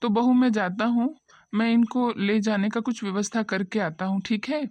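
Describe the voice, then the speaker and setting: A woman's voice: on the high side, steady tone, moderate pace, a little mellow, no echo, natural voice. A woman voicing a gossipy, tactless middle-aged village uncle in a cartoon, with a rambling manner and muffled audio. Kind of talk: cartoon voice acting.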